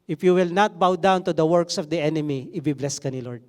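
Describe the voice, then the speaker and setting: A man's voice: a little high, moderate pace, darkish tone. A man preaching a sermon, telling a story with energy, asking the congregation rhetorical questions, and switching between everyday talk and scripture reading.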